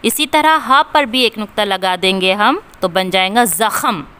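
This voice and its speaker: A woman's voice: mid-range voice, expressive, unhurried, bright, forceful tone, clean tone. A woman teacher leading a reading lesson, sounding out words letter by letter and repeating each one for her pupils. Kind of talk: slow classroom reading lesson.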